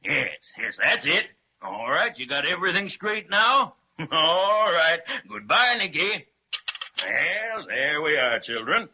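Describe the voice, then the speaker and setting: Fatherly old Santa, hearty and lively, 1930s radio drama, muffled. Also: fairly high pitch, slow, full character voice. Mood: jolly. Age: older. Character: jolly kindly old Santa Claus.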